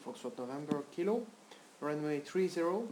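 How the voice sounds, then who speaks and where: An air traffic controller reads out clearances and instructions in standard radio phraseology. The phrasing is orderly and procedural. The sound is roomy and echoing, with some noise behind it. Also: mid-range voice, lively intonation, moderate pace, a little mellow. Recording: echoey with background noise.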